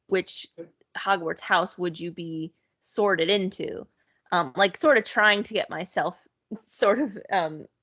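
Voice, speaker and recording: Dull, lo-fi podcast audio captures a woman co-hosting a casual chat. Her voice sits at medium pitch, fairly bright, with no echo. She rambles easily, breaks into laughter often, and peppers her speech with "sort of" and "like."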